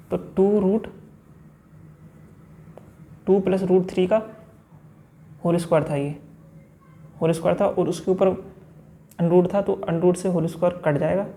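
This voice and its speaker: Gravelly dark-voiced man teaching math. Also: high voice, slight background noise. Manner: talks through each step, asks and answers himself. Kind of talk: exam-prep math lesson.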